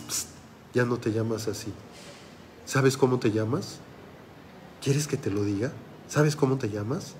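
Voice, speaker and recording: A man's voice: mid-range voice, a little hiss or hum. Male life coach asking questions. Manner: asks rhetorical questions and addresses the listener directly; repeats phrases for emphasis. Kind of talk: motivational talk.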